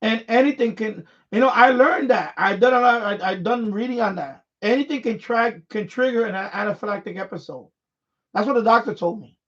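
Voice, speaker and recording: This high-pitched, somewhat bright male voice belongs to a live streamer making off-the-cuff small talk. His speech is halting and full of repeated words and phrases, and the mic sounds dull and lo-fi.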